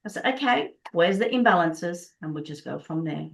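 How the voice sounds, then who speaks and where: Speaking at a moderate pace, this Body Code practitioner from Prague has a fairly low, creaky voice with lively intonation. She is a middle-aged native Czech speaker, appearing as an interview guest and describing her work earnestly and enthusiastically.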